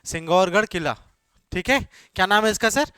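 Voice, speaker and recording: Brisk male teacher quizzing his class. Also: high voice, lively intonation, sharp tone, clean tone, dry recording. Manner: quizzing students, repeating answers, urging them to hurry. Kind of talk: classroom lecture.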